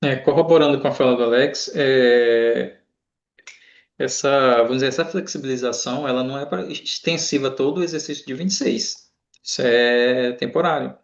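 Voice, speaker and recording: A man's voice: mid-range voice, normal speed. A man explaining rules on a live stream, in an assertive, emphatic way, heard over an echoey, dull online call. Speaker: tax panelist.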